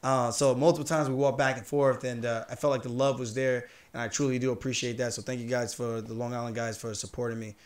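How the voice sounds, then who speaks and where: Brief: upbeat man from New York, quick talker, roomy echoey room. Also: medium pitch, level tone. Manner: quick, upbeat, laughing storyteller. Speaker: podcast host and fighter. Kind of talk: casual chat. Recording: roomy echo.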